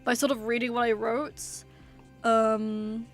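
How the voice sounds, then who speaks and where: A woman's voice: fairly high pitch, little pitch movement, slow pace. A woman streamer chatting casually, rambling and hesitant with lots of "um" and "like". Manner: rambling, hesitant, many fillers. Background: faint background music.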